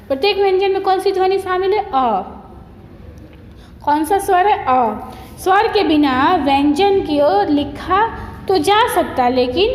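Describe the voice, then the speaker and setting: A woman's voice: very high-pitched, a little hiss or hum. A woman teaching a Hindi grammar lesson, asking questions and answering them herself, drawing out each letter sound. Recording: echoey room, long reverb.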